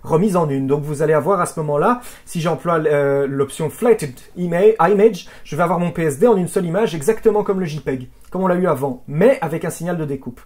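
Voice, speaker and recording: A video editing instructor giving a software tutorial, chatty, asking rhetorical questions and often restarting words. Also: mid-range voice, a little fast, few pauses. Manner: chatty, with frequent "hop", "voilà" and "hein" fillers; asks rhetorical questions and answers them.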